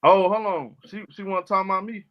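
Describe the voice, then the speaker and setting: Man, sports stream host, slangy, argumentative, higher voice, dull lo-fi audio. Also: fairly even intonation, a little fast. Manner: loose, argumentative, slangy, talks back to chat. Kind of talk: casual live-stream chat.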